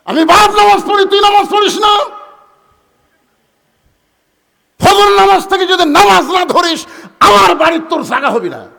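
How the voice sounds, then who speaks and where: Man playing a stern shouting father, harsh scolding, very high strained pitch. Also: expressive, a little fast, vocal fry, full character voice. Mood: furious scolding. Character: stern angry father scolding his idle grown son.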